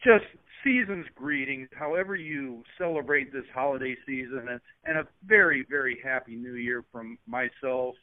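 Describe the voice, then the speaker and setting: A man's voice: mid-range voice, moderate pace, few pauses. A man co-hosting a podcast in casual chat, easygoing and rambling with plenty of fillers. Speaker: podcast co-host. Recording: tinny phone-line sound, dry.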